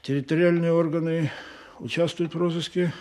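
An actor playing Stalin as a stern, menacing older supreme leader, deliberate and accusatory, in a radio play. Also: male voice, fairly high pitch, steady tone, a little mellow, lightly acted. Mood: accusing, stern. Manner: slow, deliberate, accusatory, repeating questions.

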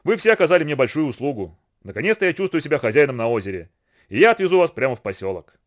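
A tough, commanding boatman, as a storybook narrator puts him on, barking urgent orders in a raised, lively voice. The pitch leaps about and the words come fast. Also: lightly acted. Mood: relieved.

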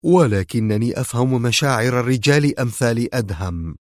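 A man reading as a smug calm villain. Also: mid-range voice, dry recording, clean studio sound, close to an everyday voice. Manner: quiet, mocking and unhurried.

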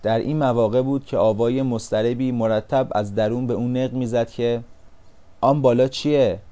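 A man reads a storybook aloud as an audiobook, keeping an even, steady narration. His voice is warm and mellow, at a medium pitch.

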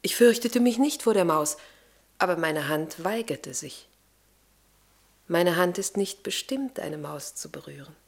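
Earnest, devout Lavinia. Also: female voice, on the low side, unhurried, creaky, exaggerated voice. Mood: gentle earnestness. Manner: earnest, expressive, swelling from hushed to fervent. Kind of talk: German radio play acting.

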